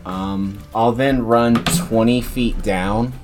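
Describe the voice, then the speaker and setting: A man's voice: fairly low pitch, fairly even intonation, a little mellow, soft background music. A man playing a tabletop game, describing his character's moves with many fillers. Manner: slow, hesitant with fillers. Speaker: player. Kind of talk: tabletop play, describing actions.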